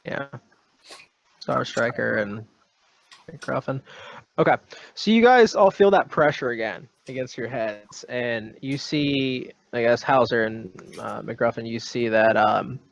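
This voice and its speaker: A man's voice: medium pitch, slow, vocal fry. A man running a tabletop horror game as game master, narrating in a hesitant, rambling way full of ums, on a dull lo-fi recording.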